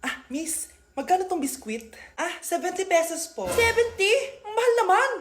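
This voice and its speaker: Very high-voiced woman in comedy skits. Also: lively intonation, moderate pace, heavy background noise. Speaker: comedy skit creator. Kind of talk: comedy skit acting. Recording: echoey room with faint music.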